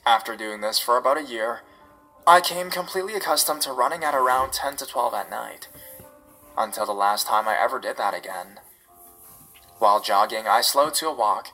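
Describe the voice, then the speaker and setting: Bright-voiced male horror story narrator. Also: mid-range voice, normal speed, soft background music, poor audio. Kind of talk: scripted first-person story narration.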